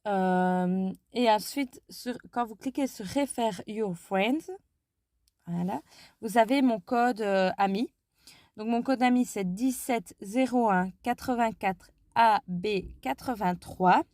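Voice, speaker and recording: A woman's voice: medium pitch, slow pace, a little mellow, dry recording, studio quality. A woman casually walking viewers through a phone app, talking hesitantly with many fillers and self-corrections. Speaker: app tutorial vlogger. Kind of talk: casual screen-recorded app walkthrough.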